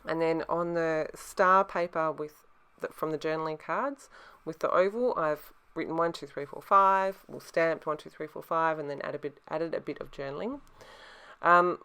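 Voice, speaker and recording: A woman's voice: deep voice, moderate pace, pushed and bright, clear, resonant tone. A middle-aged woman with a slight lisp from braces and a sore mouth, giving a casual craft tutorial voice-over. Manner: talks with a sore mouth from newly adjusted braces. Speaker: scrapbooker narrating her process.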